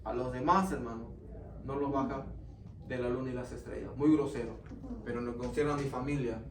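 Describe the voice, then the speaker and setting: A man's voice: medium pitch, fairly even intonation, a little fast. Man telling his story in an echoey church. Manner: earnest, addresses listeners as brother. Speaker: church member giving testimony. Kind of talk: Sunday school testimony. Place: church classroom. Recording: echoey room, mic far off, faint noise.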